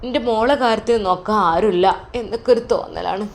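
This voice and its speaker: A woman's voice: mid-range voice, fast, creaky, lightly acted. A woman voicing a loving, worried elderly mother in a spoken story, with an earnest, plaintive manner.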